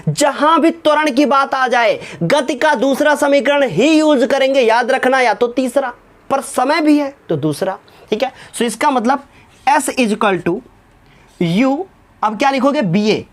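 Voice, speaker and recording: A man's voice: extremely high pitch, unhurried. A male physics teacher works through numericals step by step. He keeps checking that his students follow and calls them by fond, fatherly names. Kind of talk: whiteboard lesson solving numericals.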